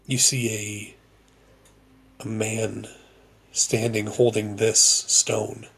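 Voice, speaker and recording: Slow, gravelly-voiced man narrating a game. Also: lowish voice, little pitch movement. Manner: slow, measured descriptive narration. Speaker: game master.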